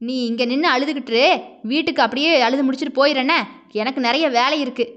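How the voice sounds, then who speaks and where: A woman reading out an impatient young man's lines in a blunt, grumbling, sharp-tongued way. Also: high-pitched, fast talker, lo-fi sound. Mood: scolding. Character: impatient, scolding young man.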